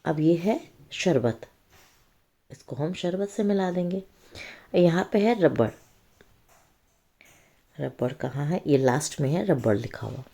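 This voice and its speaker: Walking young kids through a reading worksheet, a woman speaks in a low, dark, animated voice. Her explanations are slow and patient, and she keeps pausing to check that the listener is following.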